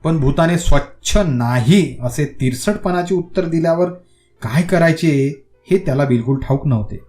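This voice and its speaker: A man reading a rural ghost story aloud in a measured, dramatic way. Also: on the high side, darkish tone. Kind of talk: scripted story narration. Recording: faint guitar music behind.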